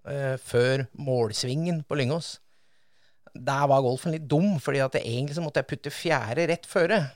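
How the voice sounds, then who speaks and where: A man speaks as a podcast guest, telling racing anecdotes with sudden bursts of energy and laughter. His voice sits in an ordinary middle pitch. The sound is dry and close, with no room around it. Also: darkish tone, dry recording. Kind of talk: casual podcast chat.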